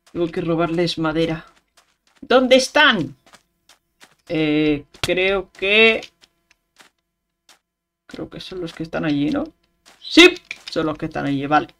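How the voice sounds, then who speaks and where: A streamer, giving casual gameplay commentary and talking to themselves, with sudden excited outbursts. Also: medium pitch, vocal fry, slight background noise. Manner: chatty self-talk with sudden excited outbursts.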